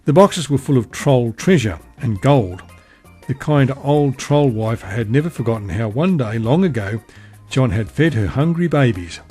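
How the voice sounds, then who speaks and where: Male storyteller, calm bedtime narration, soft music bed. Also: mid-range voice, normal speed, breathy edge.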